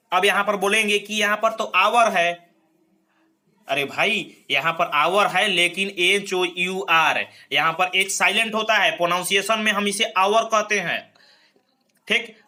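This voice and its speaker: A man's voice: high voice, slow pace, pushed and bright. A man teaching English grammar for exam preparation, drilling each rule and checking in with the class after almost every point. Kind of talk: exam-prep grammar lesson. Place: recorded lesson video.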